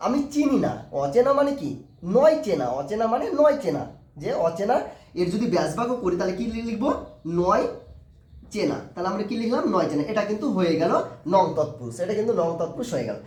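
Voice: mid-range voice, sing-song, fast, darkish tone, echoey room. A teacher giving a grammar lesson, often asking a question and answering it, repeating the key words.

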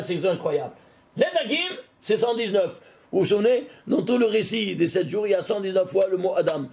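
A man, a rabbi, teaching a recorded Torah class, putting questions to his listeners and answering them himself. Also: high voice. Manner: asks questions and answers them himself, animated rise and fall.

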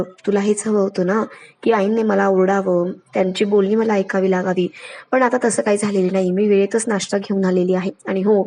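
A woman's voice: medium pitch, mellow, natural voice. A woman voicing a self-assured young daughter-in-law who speaks firmly and matter-of-factly. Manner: firm, matter-of-fact.

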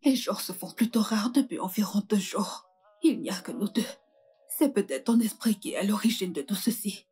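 A woman playing a husky, crude prison cellmate. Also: medium pitch, moderate pace, warm tone. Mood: taunting. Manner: taunting, crude and boastful. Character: coarse, mocking woman prisoner from a poor district. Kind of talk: French dub of a film.

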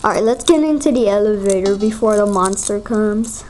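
A woman giving excited gameplay commentary, gasping and exclaiming often. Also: medium pitch, normal speed, slight background noise. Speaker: gamer.

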